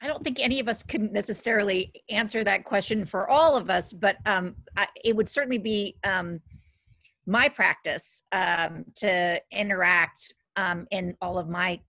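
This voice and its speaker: A woman's voice: medium pitch, moderate pace, pushed and bright, no room sound. A woman speaking as a law professor, answering students informally and hesitantly, often breaking off between phrases.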